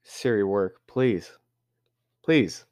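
A young man from California hosting a casual solo podcast. He rambles, gets excitable and swears often, and his pitch jumps up when he is worked up. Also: very slow. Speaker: podcast host.

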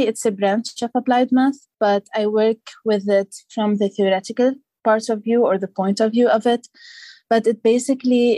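A woman's voice: mid-range voice, mellow, dry recording. A young woman from Lebanon, a guest on an interview podcast, explaining her studies thoughtfully with many fillers. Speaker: guest, PhD candidate. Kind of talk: casual interview.

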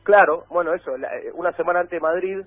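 A man's voice: high-pitched, fast, dry recording. A man with an Argentine accent telling long stories as a guest in a casual chat, rambling with many restarts. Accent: Argentine Spanish. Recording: dry phone-like sound.

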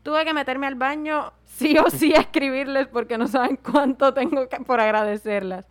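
A woman co-hosts a relaxed podcast. She reads listener letters aloud and slips into animated impressions of the people she describes. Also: high voice, moderate pace. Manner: animated, acts out quoted voices. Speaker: podcast co-host. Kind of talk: casual podcast chat, reading listener messages.

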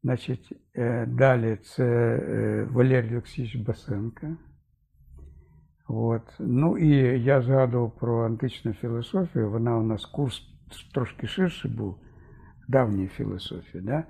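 Gravelly, husky older man lecturing. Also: medium pitch, a little slow, warm tone. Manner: thoughtful, fond of asides and 'да?' checks. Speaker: philosophy lecturer. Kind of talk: conversational discussion.

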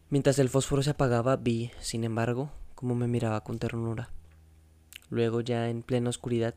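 A man narrating a first-person novel in a measured, intense way. His voice is warm and mellow. The recording is close and dry, with no room sound. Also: medium pitch, no echo. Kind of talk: audiobook reading of a novel.

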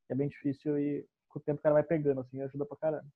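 A young man speaks in a calm, understated way as he tells his story. His voice sits a little high. The recording sounds dull and lo-fi. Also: rapid-fire. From southern Brazil. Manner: relaxed, soft-spoken storyteller. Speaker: stand-up comedian guest. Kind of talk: casual podcast conversation.

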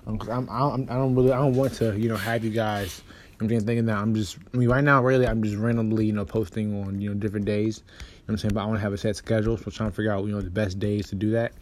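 A man hosting a casual basketball podcast, rambling with lots of fillers and restarts, and quick in delivery. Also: fairly low pitch, level tone. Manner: talks fast, says so himself. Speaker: podcast host. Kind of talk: casual sports podcast talk.

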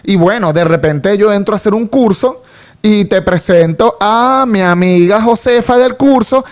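Joking Venezuelan man, higher voice. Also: normal speed. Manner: animated, joking, argumentative. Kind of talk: casual chat.

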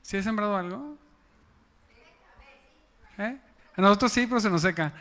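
A man's voice: high voice, normal speed, pushed and bright, in a large hall. A man preaching a sermon as pastor, chatty and often asking the congregation questions. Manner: conversational, asks the congregation questions. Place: church.

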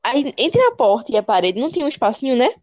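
A young Brazilian woman with a slightly high voice tells creepy stories in a casual podcast chat. She talks in an animated, slangy way and repeats words for emphasis. The sound is close and dry. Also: quick pace, dry recording. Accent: Brazilian Portuguese. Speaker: podcast co-host.

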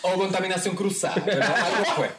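A man with a Chilean accent jumping in with quick, teasing interjections in casual chat. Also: high voice. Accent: Chilean Spanish. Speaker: podcast co-host. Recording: background noise.

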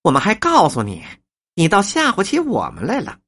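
A woman's voice: on the low side, wildly swooping pitch, moderate pace, a bit bright, slightly rough, exaggerated voice. Woman voicing a sneering cold lady. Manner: sneering, rhetorical questions.

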